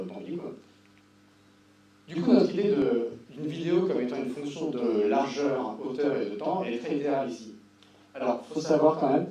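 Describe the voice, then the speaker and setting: A mellow-voiced man gives a casual, wry technical talk. He sounds distant from the microphone, in a very echoey room. His delivery is informal, with dry asides. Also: medium pitch. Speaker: conference speaker. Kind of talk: informal technical presentation with slides. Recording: roomy echo, distant mic, faint hum.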